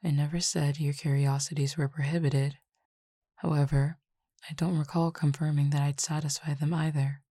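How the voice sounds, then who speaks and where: For an audio roleplay, a woman voices a calm cupid roommate who feeds on desire, talking to the listener in a low voice that's formal, measured and quietly teasing, with a languid mood. The studio-quality recording has no room sound.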